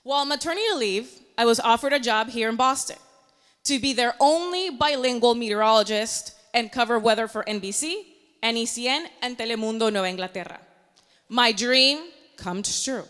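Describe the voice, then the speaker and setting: Bright woman in a reverberant hall. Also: on the high side, lively intonation, moderate pace, clear, resonant tone. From Panama. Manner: earnest, motivational. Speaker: meteorologist. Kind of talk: personal story speech.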